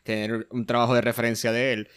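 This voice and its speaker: Fast-talking smooth-voiced man. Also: mid-range voice. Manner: relaxed, mixes English words into speech. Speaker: podcast co-host. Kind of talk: casual film discussion.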